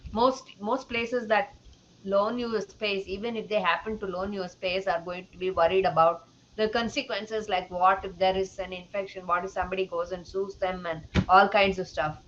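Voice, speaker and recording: A woman's voice: mid-range voice, steady tone, normal speed, a bit bright. Matter-of-fact woman, lo-fi stream. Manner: matter-of-fact, brief agreements. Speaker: panelist. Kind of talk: casual livestream panel chat. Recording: lo-fi stream audio with faint hiss.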